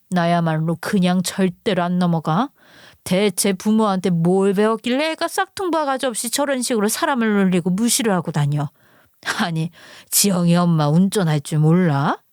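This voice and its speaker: A woman's voice: medium pitch, moderate pace, a little mellow, dry recording, studio quality, natural voice. A woman voicing a hot-tempered middle-aged single mother who scolds harshly in a dramatized story. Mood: furious. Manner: combative, scolding, rough-tongued. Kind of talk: storytelling acting.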